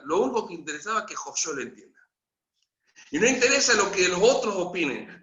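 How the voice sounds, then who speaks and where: Bright, forceful Argentine preacher. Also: male voice, high voice. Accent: Argentine Spanish. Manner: lively, humorous, acts out the story with quoted voices. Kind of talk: storytelling sermon. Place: church. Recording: echoey church hall, dull lo-fi.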